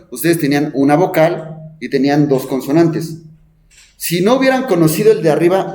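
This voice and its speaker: A man gives a math lesson in a classroom. His voice sits a little high, and he thinks aloud at the board. He keeps asking the students questions and pauses on "este". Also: dark tone. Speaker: math teacher. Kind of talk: classroom lecture.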